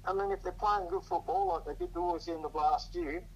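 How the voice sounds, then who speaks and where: Older man, low quality speakerphone recording, faint background noise, rambling and hesitant. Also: fairly even intonation, brisk, lo-fi sound. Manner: rambling, hesitant, full of ums and restarts. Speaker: guest on a podcast, host's father. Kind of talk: casual chat about rugby league.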